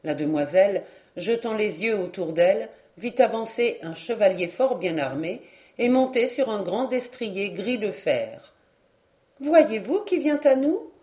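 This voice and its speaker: A woman's voice: mid-range voice, animated, unhurried, dark tone. Woman reading a medieval romance aloud. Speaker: audiobook reader. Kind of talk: literary audiobook narration.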